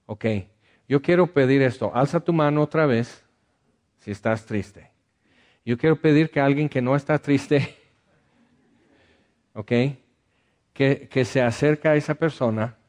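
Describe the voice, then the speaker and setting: A man preaches to his congregation at a slow, deliberate pace. His voice sits in a middle pitch and often softens as he leads them in prayer. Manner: measured preaching, drops to soft prayer. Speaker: pastor.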